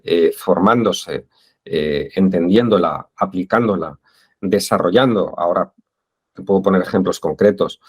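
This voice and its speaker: A man's voice: sits low, a little slow, slightly rough. A man with a Spain Spanish accent, interviewed as an expert guest, who speaks hesitantly with many fillers. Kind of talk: interview conversation.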